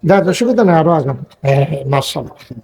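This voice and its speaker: A male preacher with a fairly high voice delivers a rousing sermon. He calls out to the crowd for responses and chants long drawn-out lines. His voice rings around a big echoing space. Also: animated, vocal fry, darkish tone. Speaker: Islamic preacher.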